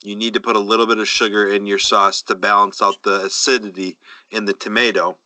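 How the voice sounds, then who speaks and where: In a laid-back conversation, this male podcast co-host hands out cooking tips with confidence, stretching words out for emphasis. He speaks with a fairly low, sharp voice and a flat delivery. The recording is rough, with no room sound.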